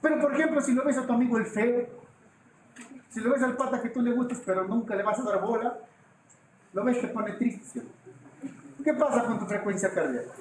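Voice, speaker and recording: A man teaching an anatomy class, joking and quizzing his students with quick questions. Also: very high-pitched, slight background noise. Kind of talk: classroom lecture with jokes. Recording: echoey classroom with faint ambience.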